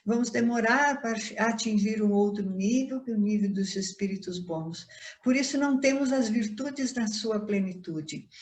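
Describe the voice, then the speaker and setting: A middle-aged woman giving an online Spiritist lecture as a guest speaker, calm and reflective, gently explaining. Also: a little high, normal speed. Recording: echoey room.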